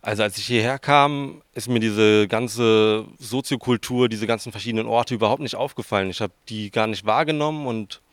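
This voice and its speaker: A student researcher in his twenties from southern Hesse, Germany, with a southern Hessian accent, answers interview questions informally and a little hesitantly. He speaks at a moderate pace in a lowish voice, with hardly any pauses. The recording is dry.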